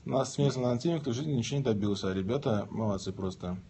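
Reading viewer questions off his livestream and answering them with jokes, a man in his thirties chats from bed, phone held out at arm's length. His voice is mid-range and warm with a breathy edge, and he talks at a quick pace.

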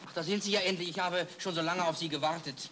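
Shy, flustered gentleman male actor, high voice, 1930s film comedy, noisy soundtrack. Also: steady tone, natural voice. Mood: apologetic. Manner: flustered, evasive, halting protests. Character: shy, flustered young gentleman out of his depth.

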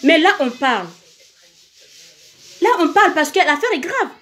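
Comorian woman, singer on a phone livestream, very high pitch, emphatic and repetitive. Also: expressive, normal speed, pushed and bright. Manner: emphatic, repetitive, asks viewers for hearts. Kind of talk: casual livestream monologue.

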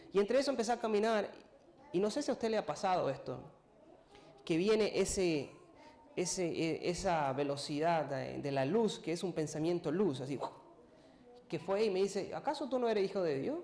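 A man giving a sermon testimony, telling a personal story in a halting, emotional way and acting out what people said to him. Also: high voice, darkish tone. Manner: storytelling, acts out his own and others' words, emotional, halting. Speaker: preacher.

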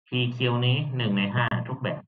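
A man's voice: medium pitch, fairly even intonation, fairly quick. A man giving a casual lecture, chatty and often checking that listeners follow along. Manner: chatty, checks understanding with frequent tag questions. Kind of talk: casual lecture on game theory. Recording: tinny phone-like audio.

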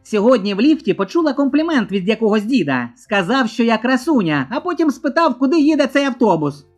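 A woman with a fairly high voice narrates a string of quick jokes, her pitch jumping around lively. Soft music runs quietly behind her. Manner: bouncy storytelling with voiced quotes. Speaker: joke narrator. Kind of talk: reading jokes aloud.

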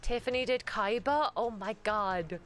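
A woman hosting a live-stream showcase, gushing loudly and yelling with excitement, swearing freely. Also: medium pitch, a little slow. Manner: loud, gushing, yells when excited, swears a lot. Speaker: host.

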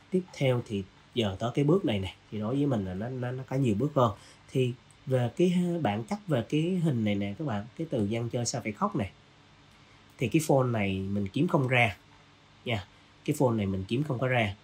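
A man hosting a design software tutorial, casually walking through each step with lots of fillers. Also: mid-range voice, breathy edge. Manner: casual, walks through steps with many fillers. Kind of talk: screen-recorded software tutorial.

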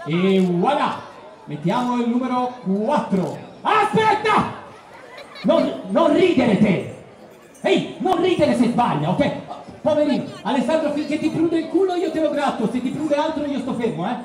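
High-voiced teasing showman. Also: lively intonation, normal speed, a little mellow, heavy reverb. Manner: teasing, playful showman, mock-grand announcements. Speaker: street performer and juggler. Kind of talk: comic street show patter with a child volunteer. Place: outdoor town square at a festival. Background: crowd of onlookers.

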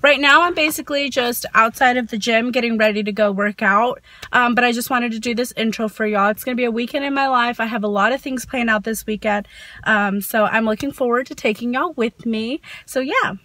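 This young adult vlogger from Texas has a fairly high, brisk, sharp-toned voice. She chats upbeat and casually to camera, filler-heavy, moving from a parked car to a small bedroom doorway.

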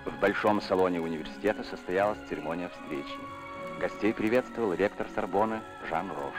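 Man, old newsreel narrator, lowish voice, formal declamatory delivery, loud music underneath. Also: brisk. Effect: old newsreel sound. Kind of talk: 1960s Soviet newsreel narration.

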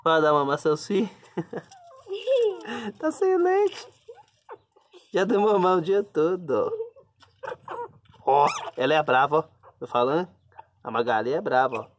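A man's voice: fairly high pitch, sing-song, unhurried, pauses often, slight background noise. A man, chatting casually at home while filming puppies and talking baby talk to them. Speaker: pet owner filming puppies. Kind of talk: casual home video chat.

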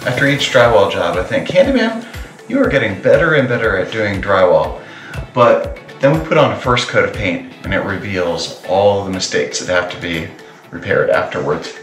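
A man's voice: on the low side, very animated, moderate pace. A middle-aged man narrating his home renovation in a chatty, self-deprecating, jokey way, filmed at arm's length in his house. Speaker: home improvement vlogger. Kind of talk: casual DIY narration. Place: house interior, laundry and dining rooms. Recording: echoey room with background music.

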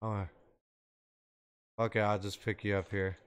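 A man's voice: lowish voice, flat delivery, unhurried, clear, resonant tone. A man from Arkansas streaming a video game, laid-back, laughing often and swearing casually. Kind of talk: casual gaming chat.

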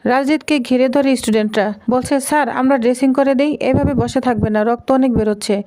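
A woman giving a scripted, steady recap of a TV serial episode, reading the characters' lines aloud in her own plain voice. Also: high voice, fairly quick. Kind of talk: scripted narration.

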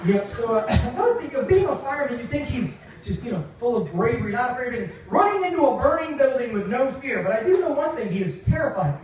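The best man, a young adult who is the groom's brother, gives a teasing, funny toast in a large wedding tent, stumbling through stories into a handheld mic played over speakers. His pitch is extremely high and sing-song, with a darkish tone, and the footage, shot from a few metres away, sounds echoey, distant and noisy.

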